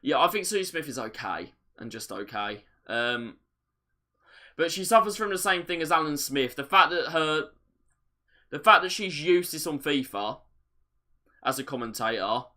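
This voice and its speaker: Bright-voiced man commentating on live football. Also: mid-range voice, big pitch swings, normal speed. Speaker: football watch-along host. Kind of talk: live match commentary and chat.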